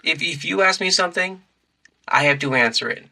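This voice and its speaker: A man's voice: fairly high pitch, brisk, bright, forceful tone, poor audio. A man hosting a casual podcast chat, laid-back and chuckling as he asks questions. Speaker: podcast host.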